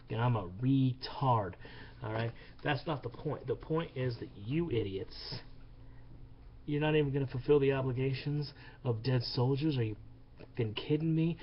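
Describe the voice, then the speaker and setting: A man's voice: mid-range voice, dull audio, slight background noise. A man angrily ranting about politics in a profane, heated monologue that repeats itself. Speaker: vlogger. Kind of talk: angry political rant.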